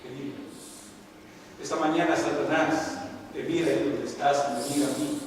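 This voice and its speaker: An older man preaching a sermon as a pastor, swinging between loud impassioned cries and low murmured passages. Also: steady tone, moderate pace. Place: church sanctuary. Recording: echoey church hall, distant mic, faint noise.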